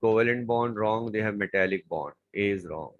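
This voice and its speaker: A man's voice: lowish voice, normal speed, dry recording, lo-fi sound. A man tutoring chemistry, walking through exam questions step by step and repeating key words. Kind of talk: exam paper walkthrough lesson.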